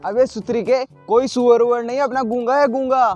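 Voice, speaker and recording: A man's voice: very high-pitched, fairly even intonation, normal speed, over loud music. A man with a Marwari accent playing an exasperated young man in a comedy sketch who scolds his friends with crude insults.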